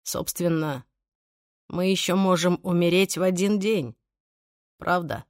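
A woman's voice: fairly low pitch, measured pace, no echo, clean studio sound, lightly acted. A woman reading aloud and voicing an obsessive young man who pleads desperately and threatens coldly, in an audiobook. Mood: cold menace. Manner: pleading then cold and threatening.

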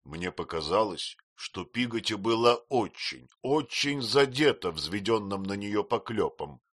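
A man narrating a literary audiobook in an expressive storytelling manner. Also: on the low side, measured pace, dry recording, clean studio sound.

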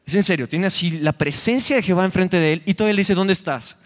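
A young Mexican man preaching a lively youth sermon, joking as he retells scripture. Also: high-pitched, fast. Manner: animated, joking, retells scripture in quoted voices. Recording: long hall reverb.

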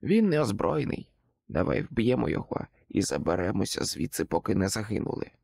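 A man voicing a gruff male henchman in an audiobook, giving quick, clipped orders. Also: on the low side, very animated, a little mellow, dry recording, clean studio sound, heavily acted. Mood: urgent.

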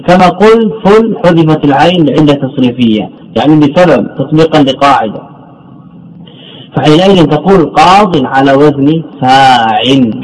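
Sheikh drawling through a grammar lesson. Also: male voice, a little high, darkish tone, rough recording. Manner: repeats phrases, poses questions and answers them himself; drawls and stresses the example words. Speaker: sheikh teaching Arabic morphology. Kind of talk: classroom lecture on grammar.

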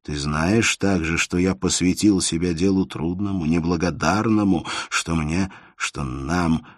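A man reading the part of a grave, reserved young man in an audiobook, slow and restrained. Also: deep voice, dry recording, clean studio sound. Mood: earnest.

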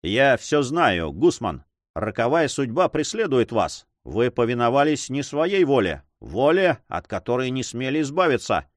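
A man's voice: mid-range voice, very animated, measured pace, dry recording, studio quality. A man voicing a courteous, gracious marquis in an audiobook. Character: noble marquis, gracious and cheerful.

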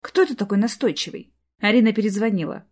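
Woman narrating an expressive audiobook. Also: mid-range voice, fast talker. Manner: expressive storytelling. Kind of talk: scripted narration.

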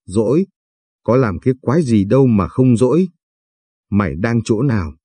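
Brash young woman friend voiced by a man, fires off blunt questions, husky and mellow, audiobook. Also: mid-range voice, expressive, dry recording. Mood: brusque. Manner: blunt, rapid-fire questions, crude slang.

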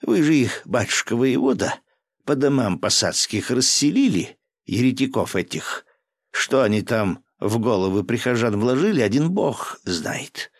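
A man's voice: mid-range voice, lively intonation, a little slow, no room sound, pitched above the performer's own voice. A man voicing a timid, pleading village priest who wails and laments, in a storybook reading. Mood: plaintive. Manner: wailing, plaintive pleading.

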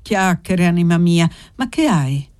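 A kindly old village aunt speaks gently and with affection, voiced by a woman reading a novel. The tone is low and close, with a dry sound. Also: expressive, measured pace, dry recording.

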